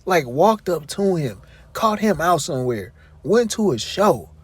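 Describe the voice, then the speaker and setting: Husky high-voiced man ranting on his channel. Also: very animated, measured pace. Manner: talks straight at his subject, calling him bro; exasperated, rambling and repetitive. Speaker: vlogger commentator. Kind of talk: casual commentary rant.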